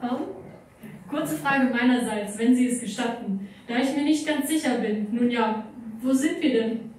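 A flustered male banker, fussy and overly polite, read by a woman at a live staged reading. The voice sits fairly high and rings through a big echoey hall from afar. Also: unhurried, a little mellow, a little hiss or hum, lightly acted. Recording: echoey hall recorded from far off.

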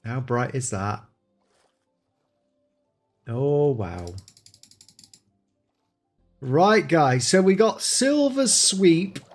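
Man, game showcase host, enthusiastic, slow-talking, slightly high voice. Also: lively intonation, soft background music. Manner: enthusiastic, exclaims often. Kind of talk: excited gameplay commentary.

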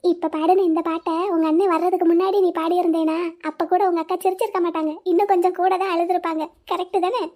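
Woman voicing a squeaky, chatty sister-in-law. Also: fairly even intonation, fast, few pauses, darkish tone. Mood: mocking. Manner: fussing, sing-song, cheeky. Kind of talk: Tamil cartoon voice acting.

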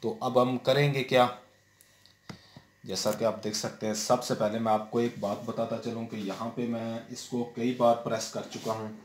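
A TV repair technician at a workbench in an indoor room explains a hands-on repair step by step, his mid-range voice flat and at normal speed. He leans on fillers and keeps checking in with "theek hai". The room sounds echoey with faint noise.

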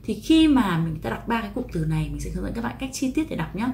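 A woman teaching English pronunciation in a video lesson, explaining patiently and slowly repeating each example. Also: medium pitch, sing-song, gravelly, darkish tone, a little hiss or hum.

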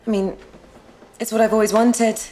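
A woman's voice: on the high side, level tone, normal speed, mellow, lightly acted. An actress playing a friendly, hesitant young woman in a sitcom. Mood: thoughtful. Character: Steph, warm young woman, Darren's ex. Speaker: supporting character in comedy series. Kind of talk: sitcom acting.

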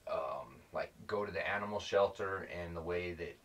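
A man's voice: deep voice, moderate pace, fairly bright tone, distant mic. A man giving a casual, rambling instructional talk as a calling instructor, plain-spoken and often correcting himself mid-sentence.

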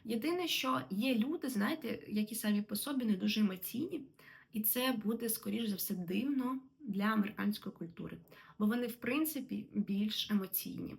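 A young woman from Ukraine, an English teacher, giving a relaxed, chatty lesson to camera with fillers and laughs. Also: mid-range voice, a little fast, gravelly.

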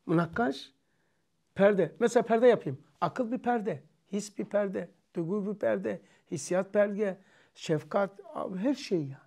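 A man's voice: high voice, unhurried, gravelly, mellow. A Turkish-accented man teaching an informal religious study class, thinking aloud and asking himself questions.

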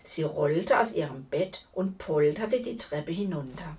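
Lady reading a kids story, slow and lively, mic kinda far off. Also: low voice. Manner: expressive, addresses the listeners directly. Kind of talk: reading a fairy tale aloud to children.

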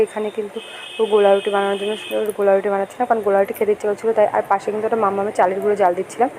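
A woman's voice: mid-range voice, a little mellow, a little hiss or hum, poor audio. A young woman, narrating a daily home vlog in a chatty voice-over with frequent fillers. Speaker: vlogger.

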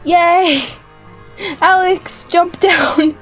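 Her voice is very high with fairly even intonation, and she talks extremely slowly. The young woman is hosting a fun gameplay video in a little room stocked with plushies, music playing, while she giggles, exclaims, and repeats phrases.

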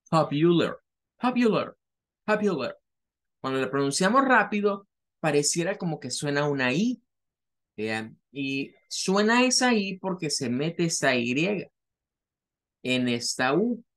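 A man teaching an English lesson, explaining patiently step by step and repeating words slowly to show their pronunciation. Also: a little high, a bit bright. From Latin America. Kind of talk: recorded online lesson.

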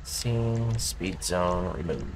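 During a game roleplay, a man plays a police officer, switching between in-character radio calls and casual chat. He narrates his actions animatedly and swears along the way. His pitch is low, he draws out his words, and there's background noise.

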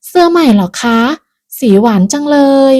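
A woman voicing a young woman who speaks sweetly to coworkers but snaps at her parents, in a high, sugary tone. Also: animated, normal speed, a little mellow. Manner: sugary polite pleading tone.

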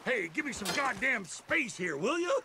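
An actor playing a cranky old gold prospector in a video game, with a folksy, grumbling American drawl. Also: male voice, very high voice, big pitch swings, moderate pace, gravelly, background noise, heavily acted. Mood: irritated. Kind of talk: video game character acting. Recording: loud outdoor game ambience behind.

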